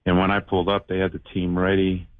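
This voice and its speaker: Man in his fifties, lowish voice, halting plain-spoken storyteller, thin phone-line sound. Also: completely flat delivery, no echo. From United States. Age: 50s. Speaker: radio show call-in guest, shoemaker. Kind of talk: casual personal storytelling. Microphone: telephone. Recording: muffled band-limited phone call.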